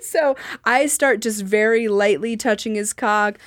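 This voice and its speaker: A woman's voice: mid-range voice, measured pace, no echo. Frank woman in a dry close recording. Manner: frank and animated, with frequent "like" fillers and profanity. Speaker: podcast co-host. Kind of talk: casual candid storytelling.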